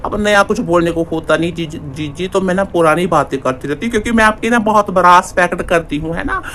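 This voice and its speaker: A man doing a fawning young female sidekick with a high, bright voice, who gushes flattery and repeats herself. The comic parody has faint noise underneath. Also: fast talker. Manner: flattering, repetitive, chatty.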